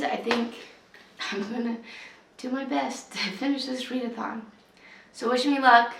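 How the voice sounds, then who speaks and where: A young woman chatting casually in a reading vlog, sick and losing her voice, often dropping to a soft half-whisper. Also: a little high, vocal fry, echoey room, slight background noise. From US West Coast. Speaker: book vlogger. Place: at home.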